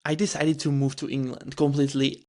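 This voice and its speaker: A man from the Czech Republic with a Czech accent, hosting a podcast interview and asking questions in a halting way with many restarts and fillers. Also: medium pitch, flat delivery, a little mellow. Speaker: podcast host. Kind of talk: casual interview chat.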